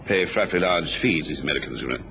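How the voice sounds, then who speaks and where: A haughty upper-class gentleman of old radio drama, blustering and quick to take offence. His delivery is bright and forceful with big swoops of pitch, over light background noise on an aged recording. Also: lively intonation, creaky, heavily acted. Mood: stiff, defensive. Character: irascible, pompous upper-class gentleman, a lordship.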